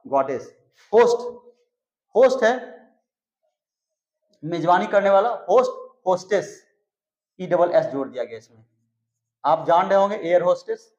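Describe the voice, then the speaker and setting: A man with a fairly high voice teaches an English grammar lesson. He spells out letters and repeats each word slowly to show how it is pronounced. The recording sounds roomy and a little muffled. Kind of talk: explanatory lesson. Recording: echoey, slightly dull recording.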